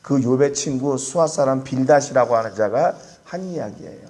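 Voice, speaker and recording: A man, a pastor, preaching an early-morning prayer sermon in an earnest way, sometimes acting out scoffers' voices and dropping to a soft hush for emphasis. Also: mid-range voice, animated, moderate pace.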